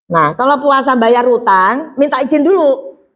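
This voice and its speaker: A woman's voice: high-pitched, a little slow. A middle-aged woman giving a religious talk to a group of women, telling stories with acted-out dialogue and asking her listeners questions. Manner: lively storytelling, acting out dialogue, asking the audience questions. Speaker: preacher.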